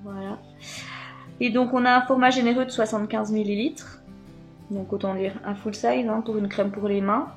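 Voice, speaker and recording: While unboxing beauty products, a female vlogger chats casually to the camera for her viewers, filling her talk with hesitations and fillers. Her medium-pitched voice stays steady at a moderate pace, with faint music playing behind her.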